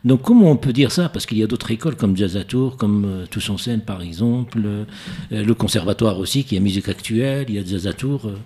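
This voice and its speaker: A man's voice: on the low side, animated, brisk, mellow, breathy edge. A man from Morocco hosting a radio interview, asking questions while hesitating and searching for words. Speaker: radio host.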